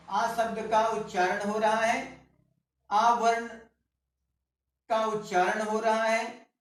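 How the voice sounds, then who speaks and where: Slow, echoey male teacher at a board. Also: high voice, fairly bright tone, recorded from a distance. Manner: slow, repeats words while writing on a board; corrects himself mid-lesson. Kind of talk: board lesson in grammar. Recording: roomy echo, speaker away from the mic.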